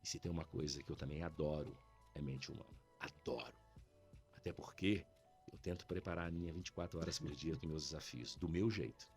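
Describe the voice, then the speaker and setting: A man with a Brazilian accent tells anecdotes on a casual podcast, animated, slangy and informal, acting out dialogue as he goes. He has a bass voice with a darkish tone and talks a little fast, with faint music in the background.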